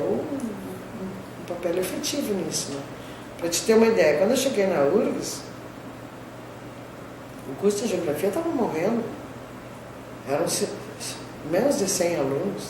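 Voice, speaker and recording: A lowish-voiced older professor from the southern Brazilian border region shares memories of her career in an interview. Her Gaúcho accent includes Spanish words, and she habitually tags sentences with "né?" while telling her story conversationally. Heard through a distant mic, the room is echoey and the background noise clear.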